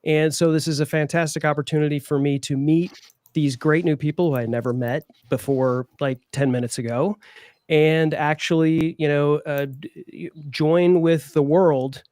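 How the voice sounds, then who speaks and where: A man's voice: on the high side, steady tone, moderate pace, a little mellow, no room sound, clean studio sound. A man chatting casually as a guest on a live panel show. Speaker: panel guest, podcast producer.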